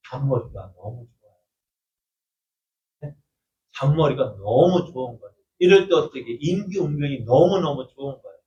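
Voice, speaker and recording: Korean pastor preaching, questioning his flock. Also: on the high side. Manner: asks the congregation questions and answers them himself. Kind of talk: sermon. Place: church sanctuary. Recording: distant mic with faint room noise.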